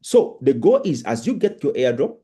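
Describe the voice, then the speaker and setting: A man giving a live sales pitch as an emphatic crypto-bro promoter, often stammering and repeating words for emphasis. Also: sing-song, moderate pace, dark tone, breathy edge. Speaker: crypto promoter presenting on a live Zoom call. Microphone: online video call.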